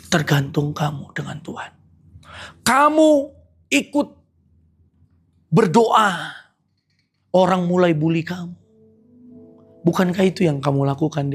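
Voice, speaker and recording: A woman evangelist preaching a Sunday worship sermon, urging the listener and repeating calls to repent, moving between hushed whispers and forceful rises. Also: low voice, breathy edge.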